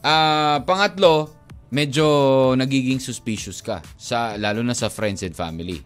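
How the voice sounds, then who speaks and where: A man's voice: mid-range voice, a little slow, fairly bright tone, faint music behind. A man co-hosting a radio show, talking casually and joking, switching between languages mid-sentence. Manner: chatty, mixes English into speech, jokey. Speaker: radio DJ co-host.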